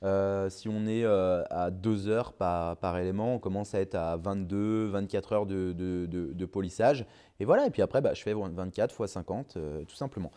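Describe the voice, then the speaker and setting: Man, low mellow voice, casual vlog Q&A, halting delivery full of fillers. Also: clear, resonant tone. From France. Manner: hesitant, many fillers and restarts. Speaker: car detailing YouTuber.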